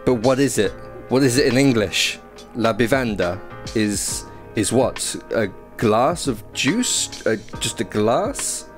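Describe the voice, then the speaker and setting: This young man's medium-pitched voice has lively intonation, and he takes things slowly. A gaming YouTuber on a headset mic, he chats and jokes at his own expense while reading VR game prompts aloud in a small room, with game music playing behind him.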